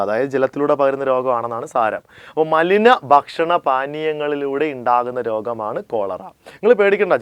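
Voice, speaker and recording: A man's voice: clear, resonant tone, no echo. A man teaching an exam coaching lesson, drilling each point by asking a question and answering it himself. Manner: emphatic, rises and drops sharply in pitch and volume. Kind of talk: classroom lecture with call-and-response drilling.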